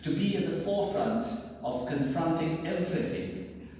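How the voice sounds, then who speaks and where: An older man with a mellow voice on the high side reads a formal oratorical message at a moderate pace from an indoor theatre stage, declaiming it emphatically and theatrically. Recorded by a far audience camera, the sound is distant and very echoey with faint noise.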